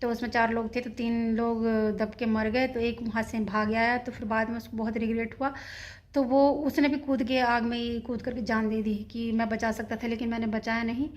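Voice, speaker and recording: A woman's voice: fairly high pitch, flat delivery, normal speed. A woman vlogging from her home kitchen, talking to her viewers in a shaken, anxious way. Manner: shaken, retelling a scare at length, anxious. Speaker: vlogger, mother. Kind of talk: casual home vlog, talking to camera.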